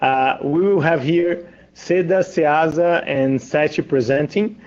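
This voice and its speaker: A man moderating an online business meeting on a video call, speaking haltingly with many pauses. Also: fairly high pitch, darkish tone. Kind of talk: hesitant business presentation. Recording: muffled video call audio.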